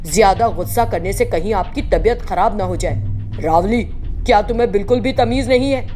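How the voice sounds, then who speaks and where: A woman's voice: mid-range voice, brisk, mellow, faint music behind, lightly acted. Woman voicing a bullying harsh husband. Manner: threatening, barking orders.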